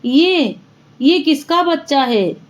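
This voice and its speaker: A woman voicing a harsh, accusing older mother-in-law in a spoken family drama, with a shrill, cutting tone. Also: lively intonation, slow. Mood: furious.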